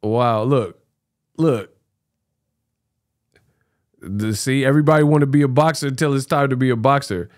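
A man in his thirties gives casual, teasing commentary as a reaction host. His mid-pitched voice sits close on the mic in a dry home studio, and he likes to repeat phrases. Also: normal speed, long pauses, no echo. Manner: colloquial, teasing, repeats himself. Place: small home studio, indoors. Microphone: close microphone on a stand.

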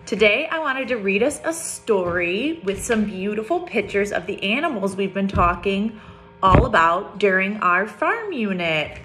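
A young woman teacher reading a picture book aloud to small children, gentle and sing-song, stopping to ask them questions. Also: mid-range voice, sing-song, a little slow, soft background music. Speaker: preschool teacher.

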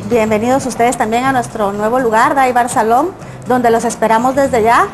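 A woman's voice: fairly high pitch, fairly even intonation, moderate pace. A woman representing a salon answers an interviewer's questions in a friendly, explanatory way, with a few small restarts. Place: indoor salon.

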